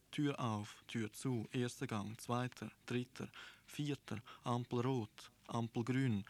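A man giving a dramatic, animated literary reading. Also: medium pitch. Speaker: reader.

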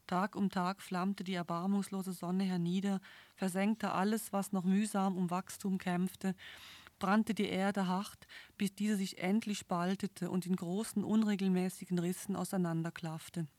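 A woman reading a novel aloud in the first person with steady, earnest storytelling. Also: medium pitch, measured pace, dry recording. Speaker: audiobook narrator.

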